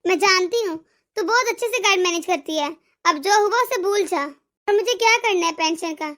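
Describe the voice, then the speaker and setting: A woman's voice: very high voice, steady tone, normal speed, no echo, clean studio sound, recorded from a distance. A woman doing a meek old cartoon mother. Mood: soothing. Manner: soft, pleading, gentle. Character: elderly widowed mother, meek and self-effacing. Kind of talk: cartoon voice acting.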